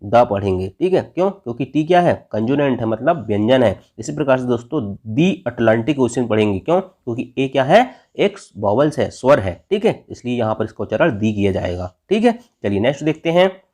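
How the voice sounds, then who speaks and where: A man's voice: mid-range voice, big pitch swings, a little fast, few pauses, a little mellow. Male teacher with an Indian accent, exam-prep grammar lesson, call-and-response delivery. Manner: constantly asks and answers his own questions; tags phrases with "theek hai".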